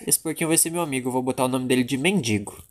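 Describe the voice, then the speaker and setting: A man's voice: mid-range voice, quick pace. Gaúcho guy from home, crude jokey Let's Play commentator, jittery. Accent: southern Brazilian, Rio Grande do Sul. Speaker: gaming YouTuber.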